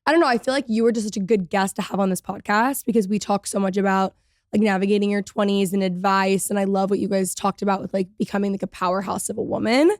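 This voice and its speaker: A young woman in her twenties hosting a podcast, speaking at a middle pitch and gushing with enthusiasm. She leans on "like" as she frames her questions. The recording is dry and close. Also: steady tone, fast, no echo. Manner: enthusiastic, gushing, many "like" fillers. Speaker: podcast host. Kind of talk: interview.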